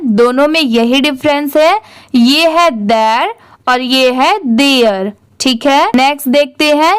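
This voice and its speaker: A woman's voice: high-pitched, a bit bright. A woman teaching English reading, spelling words letter by letter and answering her own questions. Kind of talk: slow spelling-out lesson.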